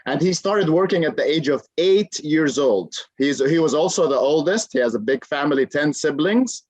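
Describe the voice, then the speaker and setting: A man's voice: a little high, lively intonation, moderate pace, darkish tone, no echo, poor audio. Guy in his 30s from jordan, chatty guest, lots of ums, dry sound. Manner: earnest, storytelling with many fillers. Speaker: guest, career coach. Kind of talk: interview conversation.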